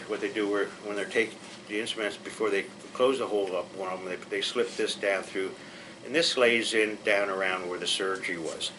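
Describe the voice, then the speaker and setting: Guy explaining hospital stuff to a class, kinda low voice, reassuring, restarts a lot. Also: sharp tone, a little hiss or hum, rough recording. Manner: plainspoken, reassuring, repeats and restarts. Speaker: patient educator. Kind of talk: pre-surgery class explanation.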